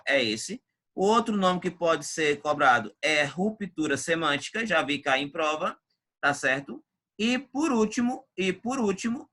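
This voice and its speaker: A man's voice: on the high side, pushed and bright. A male Portuguese teacher, giving an emphatic, chatty exam-prep video lesson.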